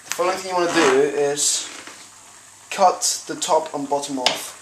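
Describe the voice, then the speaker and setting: Brief: Spanish-accented man, casual home cooking vlog, giggly and self-correcting, echoey kitchen with loud frying noise. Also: on the high side, normal speed. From Spain. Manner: rambling, giggly, corrects himself. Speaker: home cook presenting a recipe. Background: sizzling pan and stirring.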